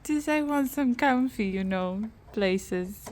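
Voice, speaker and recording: Slow-talking, higher-pitched woman vlogger. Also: lively intonation, darkish tone. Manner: playful, teasing. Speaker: vlogger filming and commenting. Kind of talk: casual vlog chat.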